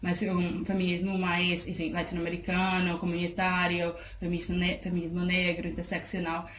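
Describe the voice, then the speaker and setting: A woman's voice: lowish voice, completely flat delivery, normal speed. Thoughtful woman in echoey room. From Salvador, Bahia, Brazil. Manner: thoughtful, many fillers and restarts, laughs easily. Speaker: guest, charity project worker. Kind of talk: casual interview talk. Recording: echoey room, faint noise.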